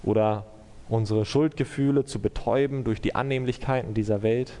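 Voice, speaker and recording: A man preaching a sermon in German and then leading a prayer, earnest and measured, with rhetorical questions to the congregation. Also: medium pitch, steady tone, dark tone, in a large hall. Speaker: pastor.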